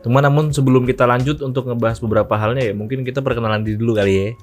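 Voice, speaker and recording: A man in his thirties from Jakarta with an East Jakarta accent, hosting a podcast in a loud, joking, slangy manner that mixes in English. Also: medium pitch, fairly even intonation, racing, soft background music. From Jakarta, Indonesia. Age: 30s. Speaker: podcast host. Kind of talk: casual chat.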